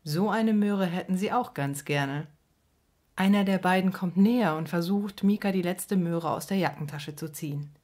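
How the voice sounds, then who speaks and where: A woman narrating a children's story in a gentle, even manner. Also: on the low side, normal speed.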